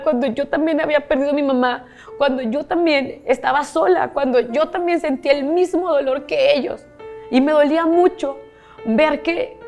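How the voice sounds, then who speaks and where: Woman, Mexican accent, interview guest, raised pitch, candid storytelling. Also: creaky, darkish tone. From Monterrey, Mexico. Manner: candid, repetitive, swears casually. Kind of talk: emotional personal storytelling.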